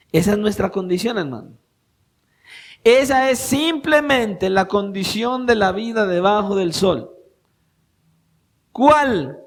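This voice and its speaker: A man with a notably high voice preaches to his congregation in church. He presses his points with rising emphasis, then drops into soft, intimate asides, and keeps turning rhetorical questions on his listeners. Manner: swings between raised emphatic preaching and quiet intimate asides. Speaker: pastor. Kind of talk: sermon.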